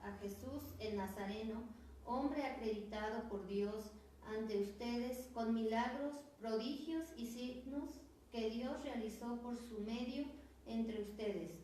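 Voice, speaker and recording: A woman with a Mexican accent, a class member reading a Bible passage aloud slowly and carefully. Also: a little high, warm tone. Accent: Mexican Spanish. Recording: roomy echo, distant mic, faint noise.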